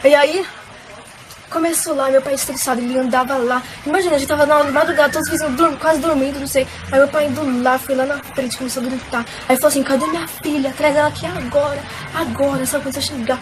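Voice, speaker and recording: Woman, high-pitched, emotional storytelling, faint hiss behind. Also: steady tone, quick pace. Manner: emotional, addresses viewers, many fillers. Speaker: vlogger. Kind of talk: personal faith testimony, casual storytelling.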